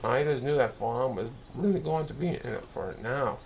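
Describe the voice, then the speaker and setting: A man reads a children's story aloud as narration, occasionally stumbling and correcting himself. His medium-pitched voice is creaky, with lively intonation at normal speed, and there is background noise.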